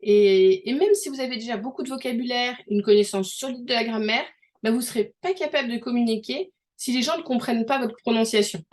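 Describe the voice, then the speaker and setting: A woman's voice: a little high, fairly quick, darkish tone. A young French woman co-hosting a podcast, giving casual advice in a chatty way with many fillers and restarts. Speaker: podcast co-host.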